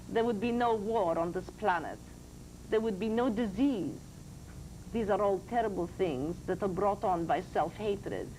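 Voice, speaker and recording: A man channeling a serene, grand spirit teacher as a seance medium in a trance, speaking formally and deliberately. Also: high voice, darkish tone. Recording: noisy old TV broadcast.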